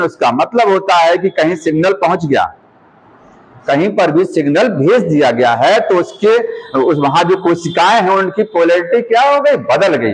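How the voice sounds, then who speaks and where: High-voiced man teaching a class. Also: breathy edge, low-quality recording. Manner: keeps quizzing the students with quick questions; repeats key terms to drill them. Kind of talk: classroom lecture.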